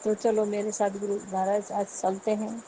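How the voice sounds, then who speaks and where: A woman's voice: medium pitch, level tone, moderate pace, dark tone, a little hiss or hum, rough recording. A middle-aged woman talking to her guru about her day. Her talk is homely and rambling, and she keeps addressing the guru. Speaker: devotee.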